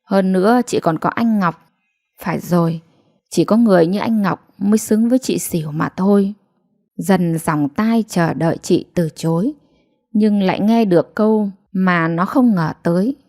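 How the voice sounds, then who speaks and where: A woman's voice: on the low side, normal speed, warm tone. A woman storyteller giving an emotive bedtime story narration.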